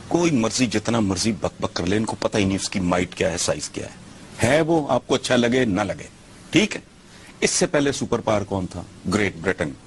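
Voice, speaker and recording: A man's voice: on the low side, slight background noise. A man giving scornful opinion commentary, lecturing with rhetorical questions.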